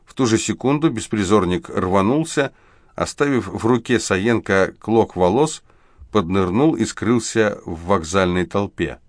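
Male audiobook narrator, measured, expressive, low voice, dry close sound. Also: dry recording. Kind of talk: scripted narration.

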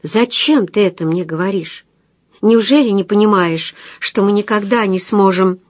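A woman's voice: mid-range voice, moderate pace, a little mellow, dry recording, natural voice. A woman reading the lines of a tired, anxious woman who resists a younger man's love. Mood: desperate. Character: weary woman, older than her young suitor.

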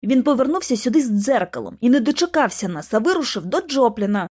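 Expressive woman narrating an audiobook. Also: fairly high pitch, quick pace. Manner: expressive, dramatic. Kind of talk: scripted narration.

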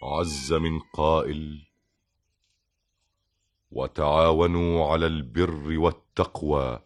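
Solemn male reciter, very deep, slow. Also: fairly even intonation.

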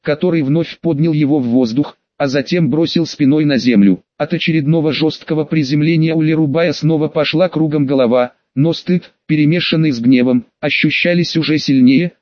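A man's voice: a little high, fairly even intonation, fairly quick, few pauses, no echo. Man reading an audiobook, dry and dull. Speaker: audiobook narrator. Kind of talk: scripted audiobook narration.

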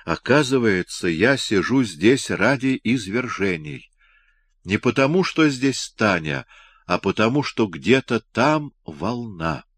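A man's voice: medium pitch, very animated, takes it slowly, breathy edge, dry recording, studio quality, voice pushed up, exaggerated voice. Man voicing a giddy mocking young scientist. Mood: irritated. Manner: giddy, teasing, loud. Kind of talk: audiobook character reading.

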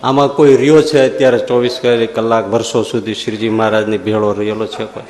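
Monk preaching in an echoing hall. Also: male voice, on the low side, brisk. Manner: folksy storyteller, rising to animated exclamations. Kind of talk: storytelling sermon. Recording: echoey long hall reverb.

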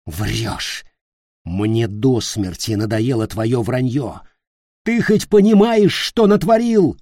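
A man's voice: on the low side, slow pace, warm tone, breathy edge, no room sound, studio quality. A man playing a furious young male leader who speaks harshly and with contempt. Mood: raging.

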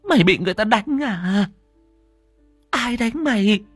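A man's voice: high voice, animated, a little slow, breathy edge, no room sound, faint music behind, voice pushed up, heavily acted. A man voicing a poor, loving old grandmother over sixty who scolds in fretful exclamations. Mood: alarmed.

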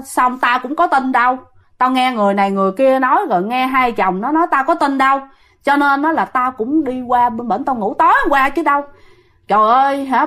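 A woman's voice: sits high, fairly bright tone. A woman voicing a stubborn, skeptical man who scolds in exasperation.

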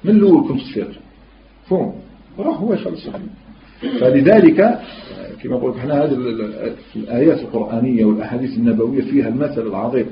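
A man's voice: mid-range voice, quick pace, slight background noise. A man giving a religious lesson, explaining as he goes, asking rhetorical questions and mixing formal speech with everyday dialect. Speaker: religious teacher. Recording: roomy, dull lo-fi recording.

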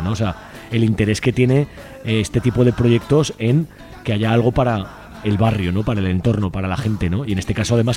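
This radio guest, a man who volunteers at the community library, has a lowish, warm voice. He chats casually and spontaneously, talkative and colloquial, frequently using question tags to check that the listener agrees.

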